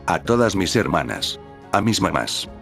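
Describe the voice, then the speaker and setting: A calm, tender young girl from the future speaks gently and quietly, as a man reads her lines in his own deep voice. Soft music plays faintly under the storybook reading. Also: a little slow, full character voice.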